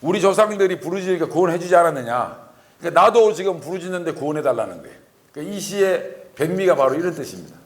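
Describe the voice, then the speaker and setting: A man's voice: sing-song, fast. A man giving a conversational Sunday sermon in church, acting out the voices he quotes. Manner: conversational, acts out quoted voices with rising pitch. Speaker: lay preacher. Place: church sanctuary.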